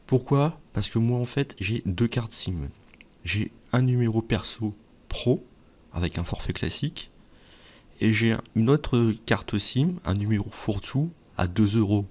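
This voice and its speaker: A man with a fairly low, darkish voice gives viewers advice in a semi-scripted explainer video. He speaks expressively and without hurry, keeping it conversational and often posing questions he then answers himself.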